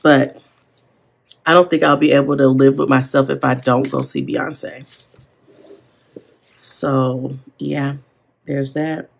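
Deep gravelly woman doing a plan-with-me, all gasps and gushing over stickers, slow and rambly. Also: little pitch movement. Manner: chatty, rambling asides. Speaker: planner vlogger. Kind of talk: casual plan-with-me chat. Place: seated at a desk at home.

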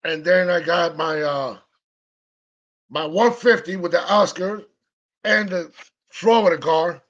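A man's voice: a little high, takes it slowly, a bit bright, muffled recording. A man hosting his aquarium vlog from the fish room in his living room, talking in a hyped, playful way and repeating his phrases. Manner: hyped, playful, repeats phrases, does mock announcer bits. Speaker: aquarium channel host. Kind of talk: casual hobby vlog.

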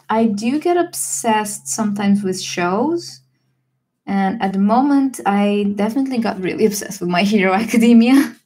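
A young woman livestreaming a watercolor session, chatting casually and relaxed with fillers and small laughs. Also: medium pitch. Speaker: watercolor artist streamer. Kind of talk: casual livestream chat while painting.

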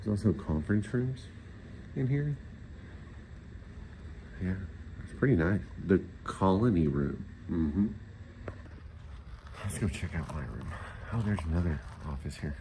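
With a dark, low voice, this man speaks in an animated but unhurried way, pausing often. He's a travel vlogger in his forties casually and bluntly reviewing a motel room, rambling and mildly profane as he walks hotel rooms and hallways. A phone at arm's length makes for a noisy handheld recording.

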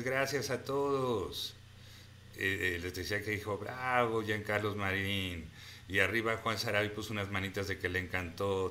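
A man's voice: mid-range voice, sharp tone, slight background noise. A man hosting a live stream, casually reading out viewer comments and thanking people by name. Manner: chatty, reads viewer comments aloud and thanks them by name.

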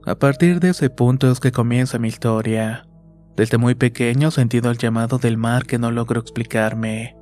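A man reading a first-person horror story in a slow, measured, scripted narration. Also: medium pitch, darkish tone. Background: faint music.

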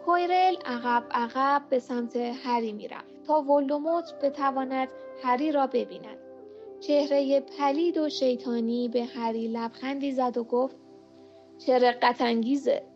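High-voiced woman, student audiobook narrator; muffled lo-fi home recording, soft music under.

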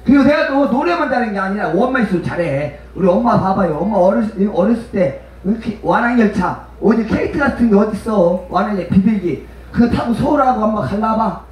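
A man's voice: sits high, expressive, brisk, hardly any pauses, a little mellow. A man performing as a pumba street entertainer, joking bawdily and teasing the audience at an outdoor festival. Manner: teasing, brash, calls listeners mother and father. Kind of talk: bawdy comic banter with the crowd. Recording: heavy echo, voice from far off.

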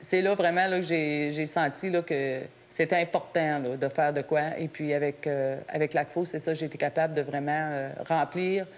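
Forthright low-voiced woman. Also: fairly even intonation, normal speed, few pauses. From Hearst, Northern Ontario. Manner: forthright, determined. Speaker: interviewee, community member. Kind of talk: documentary interview.

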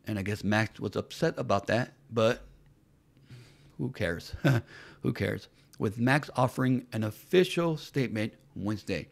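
This commentary channel host has a lowish, gravelly voice and talks a little slowly. His take on entertainment news is sarcastic and mocking, and he keeps circling back to rhetorical questions.

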